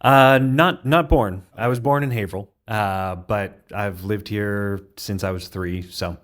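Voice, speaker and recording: Very deep-voiced man, rambling friendly answers. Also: a little slow, fairly bright tone. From southern Maine. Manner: friendly, rambling, many fillers. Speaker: filmmaker guest. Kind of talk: casual interview.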